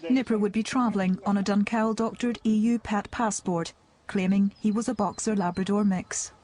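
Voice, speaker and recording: A woman's voice: mid-range voice, steady tone, moderate pace, warm tone, slight background noise. Woman narrating a documentary. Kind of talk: scripted narration. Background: music.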